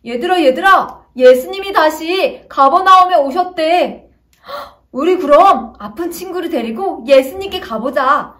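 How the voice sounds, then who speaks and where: A woman's voice: sits high, a bit bright. A woman voicing eager, pleading young friends. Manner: urgent, pleading calls. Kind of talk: storytelling for small children.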